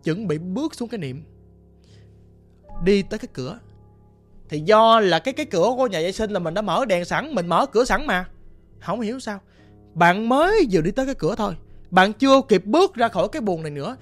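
A man with a Southern Vietnamese accent telling a ghost story in a chatty, colloquial way, swinging between hushed and loud. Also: high voice. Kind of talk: spoken ghost story narration.

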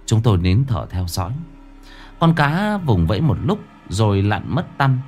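A man telling a first-person ghost story in a lively, dramatic way. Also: on the low side, normal speed. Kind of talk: scripted ghost story narration. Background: faint music.

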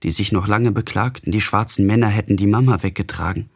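A man voicing a gentle, devout young woman full of grief in a literary radio reading, his voice husky. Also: on the low side, fast. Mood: tender grieving.

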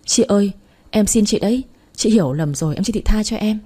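A woman's voice: mid-range voice, a little fast, mellow, breathy edge, close to an everyday voice. A woman voicing a terrified, beaten woman begging for mercy in a read-aloud story. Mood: pleading. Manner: pleading.

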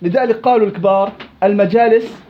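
A man teaching a Quran recitation class, quizzing his students by name in a lively way. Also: high-pitched, fast. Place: indoor study circle. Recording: dull lo-fi recording.

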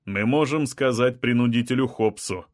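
Man reading as a calm, blunt outsider man. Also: mid-range voice, normal speed, no room sound, studio quality, close to an everyday voice. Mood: matter-of-fact. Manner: level, matter-of-fact, cold resolve. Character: calm, blunt non-native man of another kind.

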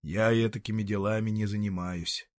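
A man narrating a literary story in a calm, measured way. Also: fairly low pitch, no room sound, studio quality.

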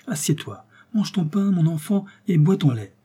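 A man voicing an old, gold-loving king speaking tenderly to his daughter in a storybook reading, in a slow, fatherly manner. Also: on the high side, lively intonation, dark tone, husky, voice pushed up. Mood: coaxing.

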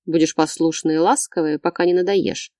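A woman reading the part of a domineering, threatening man in an audiobook, lowering her voice and speaking curtly. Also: steady tone, a little fast, a little mellow, no room sound, clean studio sound, lightly acted. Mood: menacing. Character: domineering controlling man, young adult, cold and threatening.

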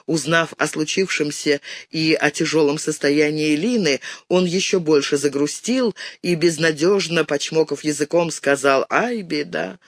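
Man, audiobook narration, steady expressive reading, fairly high voice, dry close sound. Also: moderate pace, few pauses, no echo.

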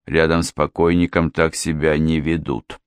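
A man's voice: extremely low pitch, little pitch movement, moderate pace, clean tone, no room sound. A man voicing a shaken, fussy middle-aged man in an audiobook, fretting and sighing. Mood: fretful. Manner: fretful, sighing.

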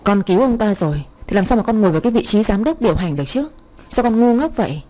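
Woman voices a scheming fifty-something man, smug and gloating, mellow. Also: mid-range voice, lively intonation, fast, natural voice. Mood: scornful. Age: 50s. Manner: gloating, taunting. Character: scheming middle-aged man, gloating villain.

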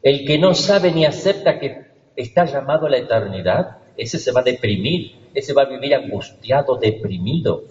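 A man's voice: mid-range voice, lively intonation, a little mellow. Male priest, homily delivery, rhetorical questions; long church echo, distant mic. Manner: preaching with rhetorical questions and slow emphatic lists. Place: large church. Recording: echoey church hall, distant dull mic.

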